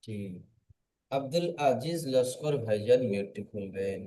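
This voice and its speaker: Slow, patient male reading teacher. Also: mid-range voice, expressive, warm tone, a little hiss or hum, poor audio. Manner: slow, patient, drills letters aloud and has students repeat. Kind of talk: online class teaching.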